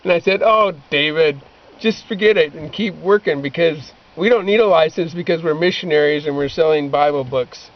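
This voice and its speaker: The audio is a muffled, lo-fi amateur recording made outdoors, with background noise. In it, a middle-aged former missionary bookseller casually trades anecdotes with friends from a pickup bed by a creek, his voice fairly high-pitched and his pace normal.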